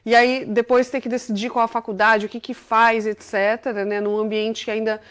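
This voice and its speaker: Woman, 40s, from Brazil, interview guest, CEO, higher voice, enthusiastic, rambling, tag-heavy. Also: level tone, moderate pace, a bit bright, clear, resonant tone. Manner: chatty, full of filler tags, enthusiastic storytelling. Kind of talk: casual interview talk.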